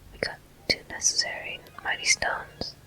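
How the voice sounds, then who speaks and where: This is a soft ASMR whisper walking the listener through a video game in the manner of a gameplay host. Very bright and hissing with sibilance, it's breathy with almost no voicing, delivered in brief, unhurried, deliberate phrases.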